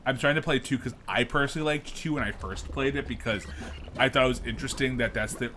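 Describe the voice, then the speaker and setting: A man's voice: mid-range voice, quick pace, slight background noise. A man chatting casually on a game stream, telling stories animatedly, swearing and acting out dialogue. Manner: animated, swearing storyteller who acts out dialogue. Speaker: stream co-host.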